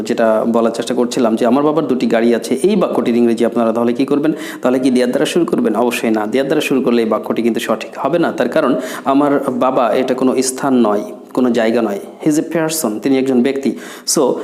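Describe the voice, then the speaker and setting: A man's voice: mid-range voice, darkish tone. A man teaching a spoken English lesson, patiently explaining and repeating words, slipping English phrases into his talk. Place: classroom with board and chair. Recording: echoey room.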